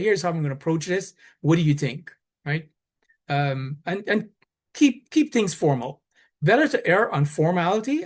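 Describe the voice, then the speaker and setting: A man's voice: a little high, a little mellow. Hesitant man giving advice on a webinar. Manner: hesitant, with many "uh" restarts, friendly advice. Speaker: advisor on a panel. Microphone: video call.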